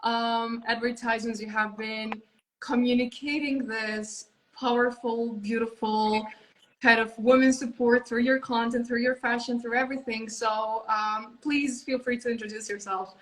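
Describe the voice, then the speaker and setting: A woman's voice: a little high, level tone, a little slow, roomy sound, rough recording. A woman hosting a casual live-stream chat, chatty and full of fillers. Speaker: host. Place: indoors, phone live stream.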